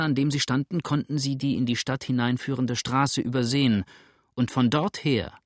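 A man's voice: medium pitch, dry recording. Male audiobook narrator, dry and close. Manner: steady storytelling reading. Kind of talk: scripted narration of a novel.

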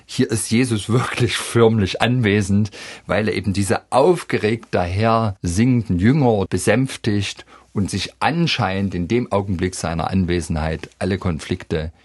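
A man explaining a Bach cantata on the radio in a measured, explanatory way. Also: fairly low pitch, no echo. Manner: measured, explanatory, quotes sung text in a lifted voice. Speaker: music expert guest.

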